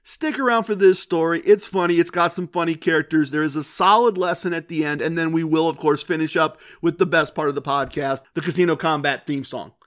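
A man's voice: fairly high pitch, fairly quick, hardly any pauses, fairly bright tone. A man hosting a gambling podcast, telling a story in an earnest, conversational way with frequent restarts. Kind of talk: casual storytelling monologue.

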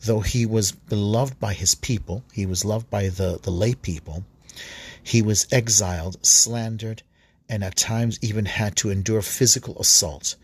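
A priest and podcast host reading an article aloud with asides, often stumbling on words and correcting himself. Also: male voice, fairly low pitch, fairly even intonation, measured pace, breathy edge.

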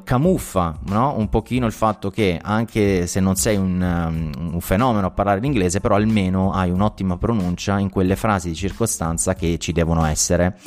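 A man in his thirties with an Italian accent, teaching English phrases in a casual lesson, explaining in a relaxed way and saying the example phrases brightly. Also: low-pitched.

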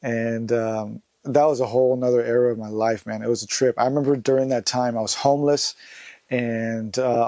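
A man's voice: mid-range voice, warm tone, no room sound. A young man, telling a story in a casual, rambling, slangy way. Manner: laid-back, rambling, slangy. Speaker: vlogger.

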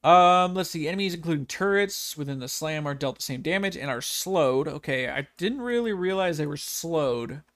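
A man co-hosting a casual podcast chat, relaxed and hesitant with frequent ums. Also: on the high side, normal speed, few pauses. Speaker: podcast co-host.

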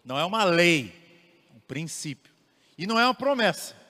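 Brazilian man, young adult, Bible teacher, lively questioning style, fairly high voice, long hall reverb. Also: fairly quick. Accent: Brazilian Portuguese. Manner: animated, asks the audience rhetorical questions. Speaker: theology teacher. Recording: long reverb of a large room.

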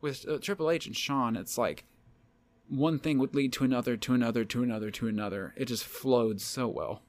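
A man's voice: medium pitch, brisk. A man co-hosting a podcast, recapping a wrestling match in casual chat, rambling and acting out quotes. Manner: rambling, animated, acts out quotes. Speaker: podcast co-host.

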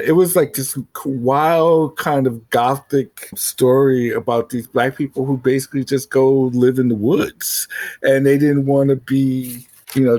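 Male guest writer, loose rambling talker, mid-pitched, dry close sound. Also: a little mellow, no room sound. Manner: rambling, full of "you know" and "I mean". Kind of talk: casual interview talk.

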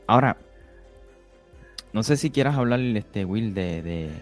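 Man, very low voice, measured scripture talk, repeats words, faint music behind. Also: expressive. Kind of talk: conversational Bible teaching.

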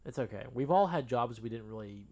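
A young man co-hosting a podcast, chatting casually in a relaxed, rambling way with lots of fillers. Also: medium pitch, brisk. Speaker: podcast co-host. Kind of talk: casual chat.

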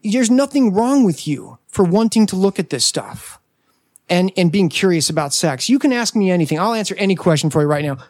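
A man in his forties on a podcast, telling a family story in a casual, animated way and acting out what others said. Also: high voice, brisk, no room sound. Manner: animated, acts out family quotes. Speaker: podcast guest.

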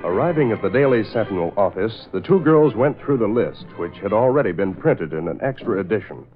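Brief: formal male radio narrator, low, old broadcast lo-fi. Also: brisk. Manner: formal and steady. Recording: tinny old radio with music.

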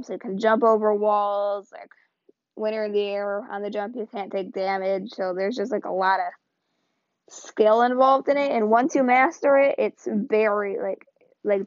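This podcast host is a woman whose casual talk rambles in a loose, chatty way, her voice sounding tired and strained. She speaks at a medium pitch, and the recording is dull, lo-fi and dry with no echo.

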